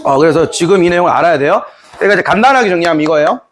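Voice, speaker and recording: A man teaching history in a lively lecture, playfully acting out scenes from the story. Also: fairly high pitch, rapid-fire. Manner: animated storytelling, playful, voices characters.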